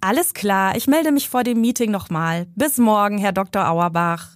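A woman's voice: medium pitch, moderate pace, dry recording, clean studio sound, lightly acted. A woman reading as a smug know-it-all young man. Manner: smooth, pedantic and condescending. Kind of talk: reading her novel aloud.

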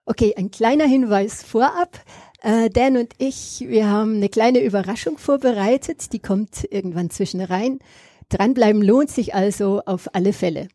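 A woman hosts an interview podcast in a friendly way, with the odd filler as she asks her questions. Her voice is mellow and mid-pitched. The sound is dry and close. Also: normal speed, no room sound. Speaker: podcast host. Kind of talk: casual interview.

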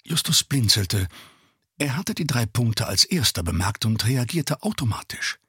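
A man narrating an audiobook in a recording studio, reading in a very animated, dramatic way. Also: medium pitch, measured pace, slightly rough, no room sound.

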